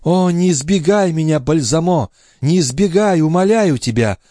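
A man voicing Lorenza, a passionate, sorrowful young clairvoyant wife, in a high, imploring, tearful tone in an audiobook reading. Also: lively intonation, normal speed, mellow, no echo, clean studio sound, lightly acted. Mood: pleading.

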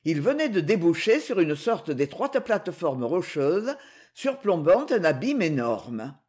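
A man narrating an adventure novel as an audiobook, in an expressive, dramatic reading. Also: fairly high pitch, unhurried, breathy edge.

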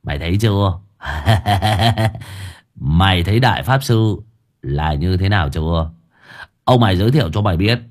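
A cocky old exorcist, voiced by a male narrator, low and husky but bouncing through wide, lively swings of pitch. He brags and threatens in a crude, swaggering way, a rough storybook rascal. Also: normal speed. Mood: cocky bragging.

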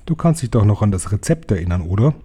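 A man voicing a spirited, excitable old grandmother who speaks with emphatic exclamations. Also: fairly low pitch, fast talker, slightly rough. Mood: triumphant.

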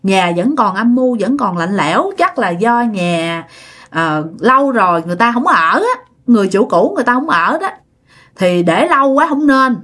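A woman's voice: a little high, sing-song, normal speed, a bit bright. A woman voicing a worried older mother-in-law who explains things plainly in the narrator's own voice. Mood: concerned.

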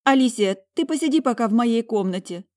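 A woman reading an audiobook voices a tearful young woman who pleads and sobs in a high, loud voice. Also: animated, brisk, natural voice. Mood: sobbing, pleading. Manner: sobbing, pleading and shrill.

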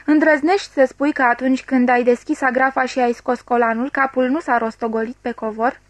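Woman voicing a frantic young man, high and urgent. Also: fairly even intonation, no room sound, lightly acted. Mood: accusing. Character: agitated young man insisting on a nightmare.

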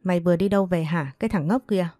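Hot-tempered older father, shouting and scolding, slightly low and dark, read by a woman. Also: quick pace, dry recording, soft background music, natural voice. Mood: furious.

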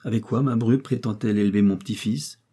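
A cautious, crafty old peasant miller drawls out his words, as a male reader voices him. His voice sits low and husky in this spoken storybook. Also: fairly even intonation, fast, warm tone. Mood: guarded. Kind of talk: audiobook character voice.

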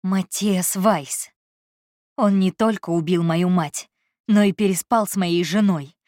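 A woman's voice: fairly low pitch, slow, no room sound, clean studio sound. Woman doing an agitated, feverish man. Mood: distraught. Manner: complaining, shouting, dramatic. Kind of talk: audiobook character voice.

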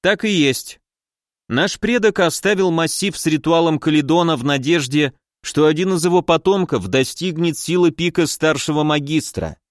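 A man voicing a careful sixteen-year-old boy who speaks in a measured, politely calm way. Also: a little high, dry recording, clean studio sound, pitched above the performer's own voice, close to an everyday voice.

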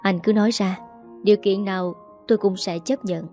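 A woman's voice: mid-range voice, steady tone, moderate pace, darkish tone, faint music behind, lightly acted. A woman reading the lines of a remorseful, apologetic young man in an audio story. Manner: apologetic, choked.

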